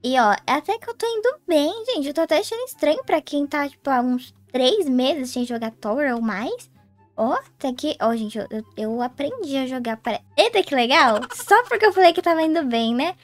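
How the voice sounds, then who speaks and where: High-voiced Brazilian woman gaming. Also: lively intonation, moderate pace, faint music behind. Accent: Brazilian Portuguese. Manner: chatty, talks to viewers as "gente", sing-song greetings. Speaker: gaming YouTuber. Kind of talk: casual gameplay commentary.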